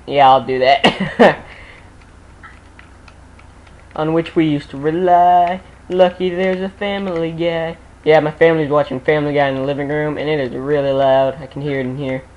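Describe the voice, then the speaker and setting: A young man chatting casually while playing a co-op game, excitable and quick to break into laughter. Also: fairly high pitch, dull audio. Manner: excitable, bursts into loud laughter and shouts. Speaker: gamer recording co-op play. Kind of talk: casual gaming chat.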